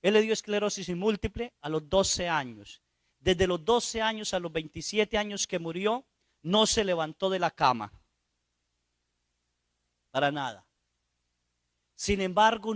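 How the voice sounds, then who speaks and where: A man, a priest, telling a story in a sermon. He drops into quiet asides and puts rhetorical questions to his listeners. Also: high-pitched, no room sound.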